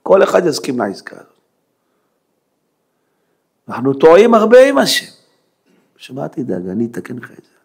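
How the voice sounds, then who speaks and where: A man preaching as a rabbi, dramatic and emphatic, swinging from hushed near-whispers to loud exclamations and rhetorical questions. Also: mid-range voice, wildly swooping pitch, creaky, pauses often, slightly rough. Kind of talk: Hebrew sermon.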